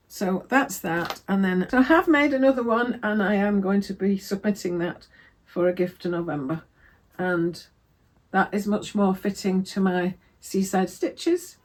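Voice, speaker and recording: A woman from England talks through her sewing projects in a relaxed, meandering way. She wanders off on side notes and stops to correct herself, and her voice sits at an ordinary middle pitch. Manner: chatty, rambling, self-correcting. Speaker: sewing vlogger. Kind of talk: casual crafting chat.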